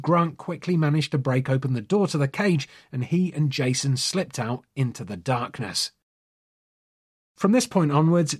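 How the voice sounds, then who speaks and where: A man narrating a story in a measured, dramatic storytelling manner. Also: fairly high pitch, slightly rough. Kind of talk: scripted true-crime style story narration.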